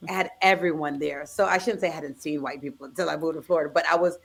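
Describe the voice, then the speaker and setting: A woman's voice: low voice, fairly even intonation, quick pace, creaky. Enthusiastic woman hosting a podcast. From United States. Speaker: podcast host. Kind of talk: podcast interview.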